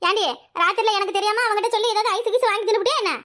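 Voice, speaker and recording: A woman's voice: extremely high pitch, fairly even intonation, rapid-fire, fairly bright tone. A woman voicing a scolding, sarcastic village mother-in-law in a cartoon, with a Kanyakumari Tamil accent. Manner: nagging, sarcastic. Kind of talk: cartoon comedy acting.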